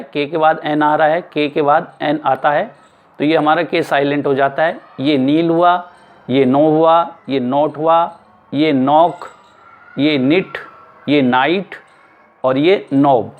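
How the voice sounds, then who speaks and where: A male teacher giving an explanatory lesson, spelling words out letter by letter and repeating them slowly. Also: on the high side, phone-quality sound. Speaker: English teacher.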